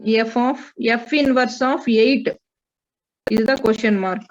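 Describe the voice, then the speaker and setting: A woman's voice: a little high, steady tone, takes it slowly. A woman with an Indian accent teaching a maths class, working through problems and prompting students with questions. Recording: dull, lo-fi audio.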